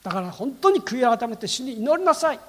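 A man preaching a sermon as a pastor, telling the story with lively asides and tagging his sentences with frequent questions to the listeners. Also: extremely high pitch, fairly quick, long reverb tail.

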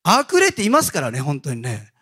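A male pastor giving a Sunday sermon, telling stories in a casual, animated way. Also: a little high, a little fast, husky. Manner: animated storytelling with casual asides.

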